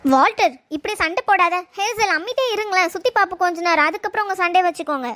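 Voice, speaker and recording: High-voiced young woman, coaxing. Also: fast talker, sharp tone, no room sound. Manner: soothing, coaxing. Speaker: sketch actor. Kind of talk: comedy sketch acting.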